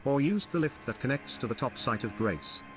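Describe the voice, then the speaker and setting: A man's voice: medium pitch, expressive, moderate pace, soft background music. A man's synthetic voice reading out viewer messages during a stream. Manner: reads viewer messages aloud.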